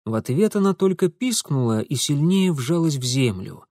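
A man narrating an audiobook in an expressive storytelling manner. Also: on the high side, normal speed, no echo, studio quality.

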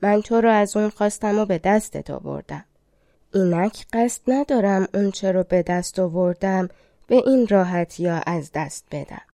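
A woman reading the lines of a clever young queen disguised as a lute player, calm and devoted, in her own mellow voice. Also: mid-range voice, creaky, no room sound, clean studio sound, lightly acted. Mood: tender.

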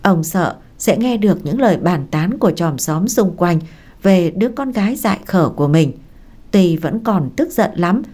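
A woman narrating a story in a steady, expressive audiobook reading. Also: on the low side.

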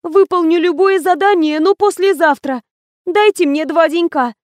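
A woman's voice: very high-pitched, measured pace, no echo, studio quality, pitched above the performer's own voice. Woman putting on a whiny fake-sick young woman. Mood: pleading whine.

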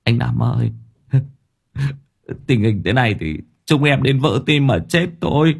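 A man's voice: medium pitch, lively intonation, unhurried, creaky, slightly rough, voice pushed up, exaggerated voice. A man voicing a frightened young male assistant who stammers nervously.

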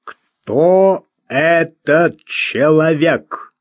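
A man voicing a calm, patient man who questions a witness firmly, in an audiobook. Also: mid-range voice, dry recording. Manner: measured, firm, patient. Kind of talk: audiobook character voice. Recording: dull dry lo-fi recording.

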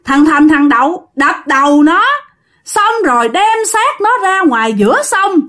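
A woman voicing a crazed old woman on her deathbed, screaming in a shrill, frantic voice. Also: fairly bright tone. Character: dying old woman, crazed, confessing a murder.

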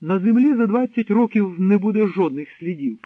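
A man's voice: sits high, animated, normal speed, no room sound. A man reading an audiobook, voicing an arrogant, cruel German SS captain who barks and boasts. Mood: scornful. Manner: barking, shouting, pompous. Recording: dry, tinny narrow-band sound.

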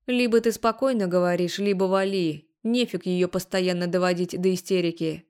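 A woman's voice: lowish voice, normal speed, a little mellow, clear, resonant tone, close to an everyday voice. A woman voicing a blunt, ironic young man who speaks matter-of-factly, in an audiobook. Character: laid-back ironic young blond man.

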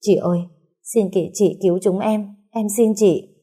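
A woman's voice: mid-range voice, measured pace, dark tone, slightly rough. A woman voicing a desperate young wife and mother who begs tearfully, in a storybook reading. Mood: pleading. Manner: tearful begging. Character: desperate young pregnant-mother daughter, pleading.

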